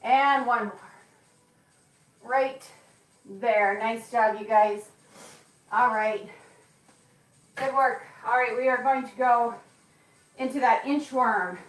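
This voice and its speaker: A woman's voice: fairly high pitch, fairly even intonation, slow, long pauses. A woman fitness instructor coaching a live workout class, encouraging and counting reps aloud, with an occasional cough. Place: gym. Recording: echoey room, mic far off.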